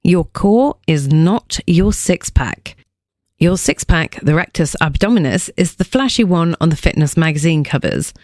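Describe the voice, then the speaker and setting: A woman's voice: on the low side, animated, unhurried, darkish tone, dry recording, studio quality. A woman fitness coach hosting a scripted podcast explainer, delivering punchy lines with playful joking asides.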